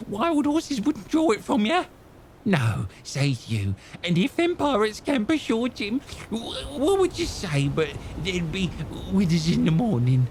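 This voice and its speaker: In a radio drama, an actor plays a half-crazed old man stranded as a castaway, stammering, rambling and repeating himself in a wheedling mood. The performance is heavily acted, with a high-pitched voice, big pitch swings and an unhurried pace over background noise.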